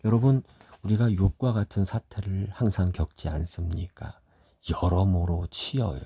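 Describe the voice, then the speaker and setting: A middle-aged man preaching a sermon as a pastor, telling stories, acting out quoted voices and dropping at times to soft whispers. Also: low-pitched, steady tone, measured pace, slightly rough.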